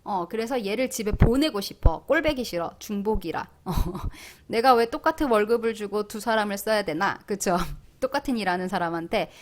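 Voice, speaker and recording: A young adult woman teaches a language lesson online in a playful, lively way. Her voice is mid-range, and she draws out sounds slowly and loudly as she models them.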